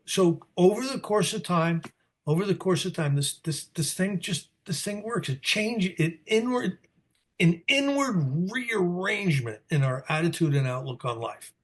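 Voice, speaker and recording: An older man in his 60s from New Jersey speaks as a guest at a recovery meeting over a video call, his expressive, fairly high voice moving at a measured pace. He answers questions in a candid, rambling talk, wandering onto tangents and repeating words.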